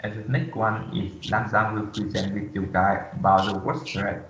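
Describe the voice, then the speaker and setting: A man gives his part of a class presentation, stopping and restarting as he goes. His voice is fairly low. The recording is dull and echoes in the room. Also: flat delivery, fairly bright tone, a little hiss or hum. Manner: halting, with restarts. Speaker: student presenter.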